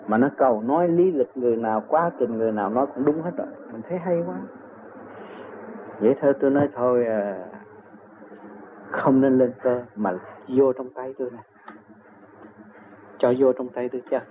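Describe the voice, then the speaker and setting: An older man with a Southern Vietnamese accent rambles through his own stories, chuckling often as he goes. His voice sits at an ordinary middle pitch for a man. It comes through a narrow, tinny, phone-like recording with a faint hiss behind it. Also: normal speed, pauses often. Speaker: interviewee. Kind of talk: rambling personal storytelling.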